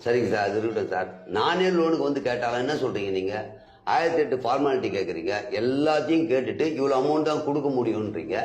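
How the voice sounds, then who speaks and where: A man's voice: medium pitch, expressive, darkish tone. A man arguing as an indignant bank customer in a comedic sketch, firing off questions. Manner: argumentative, indignant, rapid-fire questioning. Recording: echoey room with faint music.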